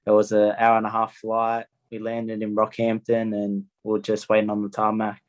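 A young Australian man speaks in a lowish voice with very little melody. He answers interview questions as a player would, plainly and without fuss. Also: monotone, normal speed. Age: young adult. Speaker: rugby league player being interviewed.

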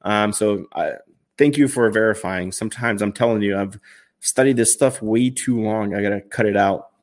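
A man in his thirties hosts a finance livestream, his voice fairly low and his pace normal. He fields viewer questions in a chatty, upbeat way, full of fillers and restarts.

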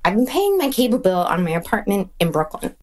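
A woman's voice: mid-range voice, big pitch swings, brisk. A woman telling a funny story about her own sleep-deprived mistakes, mocking herself. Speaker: mother sharing a story. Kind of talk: recorded anecdote.

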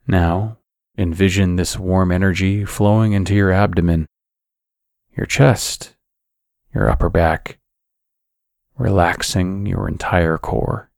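Deep, slow male sleep meditation narrator. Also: gravelly, no echo, clean studio sound. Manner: calm, soothing, measured sleep-story delivery.

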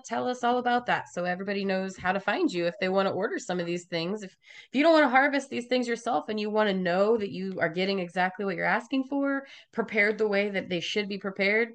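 A woman hosting a podcast interview, chatty and emphatic as she tells stories and gives warnings. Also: mid-range voice. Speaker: podcast host.

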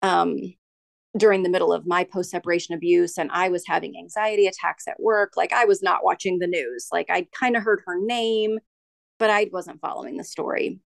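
A middle-aged woman, guest on a podcast, candidly tells a personal story in a lowish, gravelly voice. Her speech is halting, full of restarts and ums, and the audio is close and dry with no echo.

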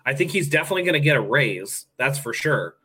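A man with a bright, forceful voice talks casually as a sports podcast co-host. He reasons through his points and often restarts a phrase to build on it. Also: mid-range voice, sing-song, fast, husky. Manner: analytical, repeats phrases while building a point.

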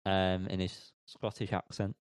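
Low-pitched and delivering everything completely flat and unhurried, a man co-hosts a music podcast recorded with clean studio sound and no room echo. He still jokes and laughs in the casual chat, tripping over the names of bands he reviews.

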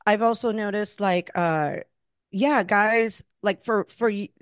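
A woman's voice: medium pitch, slow pace, smooth, no echo, studio quality. A middle-aged woman from Florida hosting a podcast, chatting casually, reminiscing and encouraging her guest. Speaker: podcast host. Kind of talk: casual interview chat.

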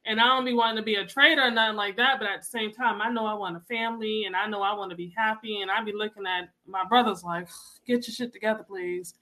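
A woman hosting a casual podcast, expressive and quick to exclaim. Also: mid-range voice, low-quality recording. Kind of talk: casual chat.

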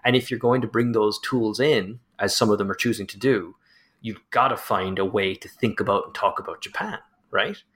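The interview's author guest, a man with a lowish, fairly bright voice, speaks at normal speed. His conversational explanations wander into anecdotes, with plenty of "you know" and laughter.

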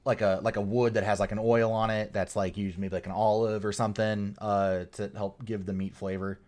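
Casual podcast co-host, male, lowish pitch, rambles with fillers. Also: level tone, fairly quick, a little mellow. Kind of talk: casual chat.

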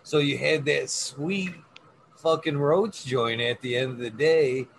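A man's voice: medium pitch, measured pace, creaky. A man chatting casually in a rambling, coarse, slangy way, swearing freely.

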